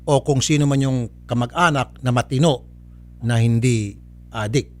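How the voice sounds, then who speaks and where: This radio-TV public service host has a mid-range voice and talks at normal speed. Delivering a harsh verdict live, he berates the caller, turning him down bluntly and laughing at him.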